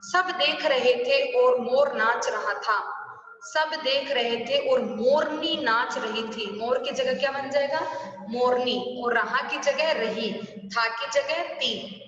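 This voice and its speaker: A woman's voice: high voice, fairly bright tone, slight background noise. A woman teaching a school language class online, patiently explaining step by step and asking the class questions. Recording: distant echoey lo-fi room recording.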